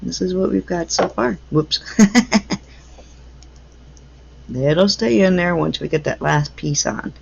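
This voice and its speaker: Gravelly man narrating craft work. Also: high voice, a little hiss or hum. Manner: unhurried, thinking aloud while working. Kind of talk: casual craft follow-along narration. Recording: dull lo-fi home recording.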